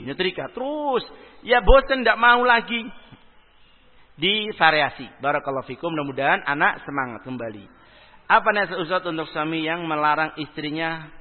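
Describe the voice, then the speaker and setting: A male preacher reading out audience questions and answering them in a religious Q&A lecture, often rising sharply in pitch for emphasis. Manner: reads questions aloud then answers with lively rising emphasis. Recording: phone-like sound with long hall reverb.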